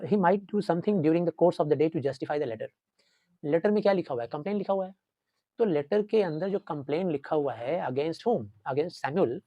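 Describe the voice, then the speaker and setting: A man's voice: a little high, dry recording, lo-fi sound. Man teaching a story, dry close sound. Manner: explains line by line, repeats and asks questions. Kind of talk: story lesson mixing Hindi and English.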